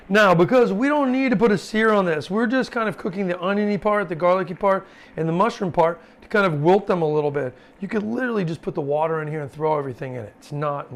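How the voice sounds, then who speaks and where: A man's voice: high-pitched, gravelly. A man, a chef, teaching a casual cooking class in a home kitchen, talking informally with lots of fillers and asides. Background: sizzling pan and chopping.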